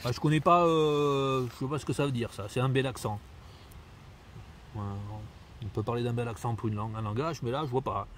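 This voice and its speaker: A man's voice: medium pitch, fairly even intonation, fairly quick, slight background noise. A man recording outdoors in a sunny wood, reading out web pages and grumbling critically about them, with many fillers and restarts. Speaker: nature video maker.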